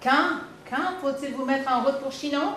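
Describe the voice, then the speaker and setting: A woman's voice: high-pitched, measured pace, fairly bright tone, slight background noise, voice pushed up. Brief: a Québécoise reader doing a roaring, challenging soldier man, raised voice, echoey room. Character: gruff blustering soldier man.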